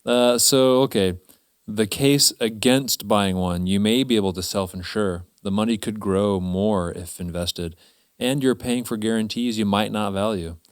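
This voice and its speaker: Smooth low-voiced male co-host. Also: unhurried, dry recording, studio quality. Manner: easygoing, short agreements and soft laughs. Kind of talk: casual chat, reading aloud.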